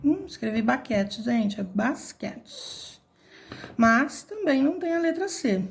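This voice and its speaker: A woman's voice: high-pitched, very animated, moderate pace, vocal fry. A woman teacher patiently explaining a word puzzle step by step, counting syllables and letters aloud.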